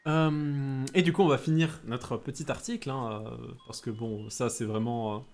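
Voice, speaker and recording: A man's voice: medium pitch, steady tone, measured pace, creaky, darkish tone, soft background music. A young man from Bordeaux, a Japanese teacher, gives a casual livestream lesson in a chatty, hesitant way with many fillers. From Bordeaux, France.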